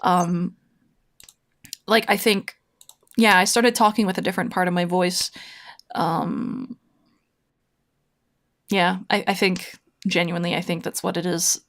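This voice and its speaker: This VTuber streamer plays online mahjong and casually answers her chat, rambling and slangy as she thinks aloud. Her voice is lowish, creaky and slightly bright, with fairly even intonation, a measured pace and long pauses.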